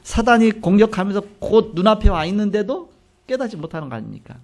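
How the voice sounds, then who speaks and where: A man preaching a sermon, retelling scripture with animated storytelling and acted-out dialogue. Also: sits high, quick pace. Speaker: pastor.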